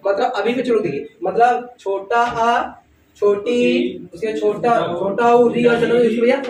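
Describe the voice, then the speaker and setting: A man's voice: very high voice, steady tone, a little slow, a crowd in the background. A man teaching a classroom lesson, asking the class questions over and over and calling the students "bhaiya" and "children". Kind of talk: classroom lecture. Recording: echoey room, voice from far off, class noise behind.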